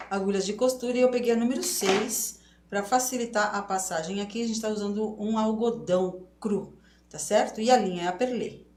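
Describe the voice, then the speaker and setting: A middle-aged woman teaches embroidery stitches in a live online class, chatty and methodical, frequently checking "tá certo?" to make sure viewers keep up. Her mid-range voice is brisk and a little mellow, heard with a roomy echo and faint noise.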